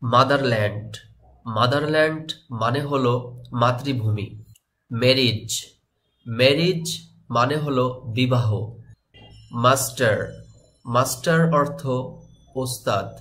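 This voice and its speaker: A man with a Bangladeshi Bengali accent teaches vocabulary, drilling each word and its meaning back and forth. He talks to his viewers directly and casually. His voice sits at an ordinary middle pitch. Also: slow, pauses often, fairly bright tone. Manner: repeats each word both ways in drill fashion. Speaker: English teacher. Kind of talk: vocabulary lesson.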